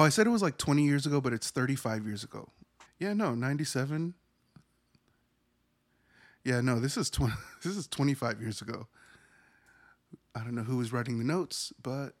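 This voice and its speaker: Male podcast host, thirties, casual movie recap, profane and rambling, keeps correcting himself. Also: medium pitch.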